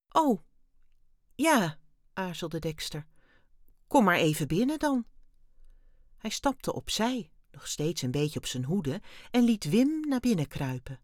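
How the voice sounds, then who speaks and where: A woman reading a children's story aloud with lively, expressive narration. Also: fairly low pitch, no echo, clean studio sound.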